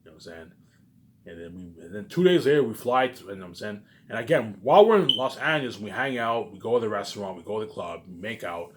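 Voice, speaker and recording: A gravelly-voiced man rambles casually at a quick pace, his mid-range voice animated against a noisy background. He hammers points by repeating them, swears, and often asks tag questions to get agreement.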